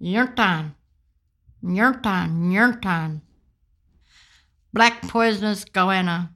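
A woman speaks at a very unhurried pace and sounds out each term slowly, again and again. After the repeats she adds a brief plain definition. Her voice sits at a middle pitch for a woman. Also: fairly bright tone. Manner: repeats each word several times, then gives a short definition. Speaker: pronunciation guide reader. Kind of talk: slow, repeated word-by-word pronunciation.

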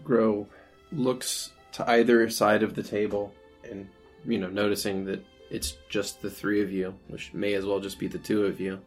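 A man's voice: fairly low pitch, little pitch movement, moderate pace. A man narrating a tabletop role-playing game as game master. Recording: music playing behind the voice.

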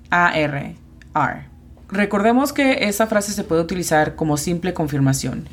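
A woman who hosts a podcast where she teaches English, giving slow and careful explanations and spelling out pronunciations. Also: fairly low pitch, a little hiss or hum. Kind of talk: podcast language lesson.

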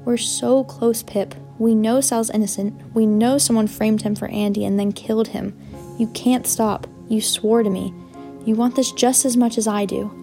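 A woman's voice: fairly high pitch, gravelly, dark tone. A woman reading a pleading, hurt young man. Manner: pleading, voice rising. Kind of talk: audiobook narration.

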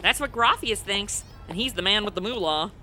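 Bright, flippant modern American woman. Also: medium pitch, expressive, moderate pace, soft background music. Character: flippant modern young woman stranded in the past. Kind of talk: comedy audio drama acting.

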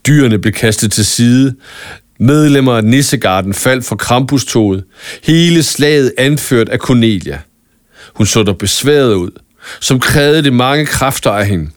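A man reading a scripted Christmas story aloud in a calm, even storytelling manner with small stumbles now and then. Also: mid-range voice, no echo, clean studio sound. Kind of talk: scripted audiobook narration of a Christmas tale.

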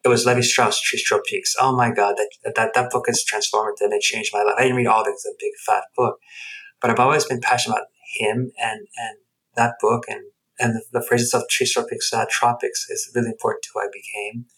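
Speaking briskly in a mid-range, level, slightly bright voice over poor audio, a middle-aged interview guest tells personal stories. He's an anthropologist and researcher from the United States and Guatemala, reflective and emphatic, and he often restates what he's said.

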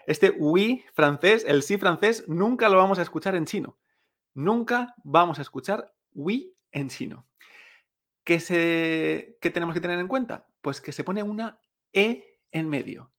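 A young man teaching Chinese pronunciation in Spanish, explaining slowly, repeating sounds and adding a checking "eh?". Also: high-pitched, a bit bright. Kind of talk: pronunciation lesson.

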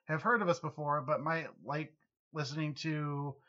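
A man's voice: on the high side, steady tone, normal speed, sharp tone, lo-fi sound. An American man co-hosting a podcast, chatting casually and comically in a wry, self-deprecating way. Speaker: podcast co-host. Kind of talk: casual comedic podcast chat.

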